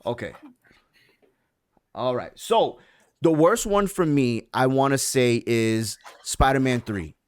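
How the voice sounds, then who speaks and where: A man co-hosting a podcast over an online call, ranting in an animated, profane, heated debate. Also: medium pitch, takes it slowly, long pauses, clear, resonant tone. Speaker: podcast co-host. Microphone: online call with lagging connection.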